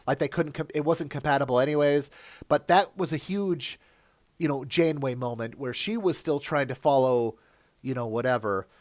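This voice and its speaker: A man co-hosting a casual chat, retelling stories in an animated way. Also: medium pitch, moderate pace, no room sound. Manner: animated storytelling. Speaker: co-host.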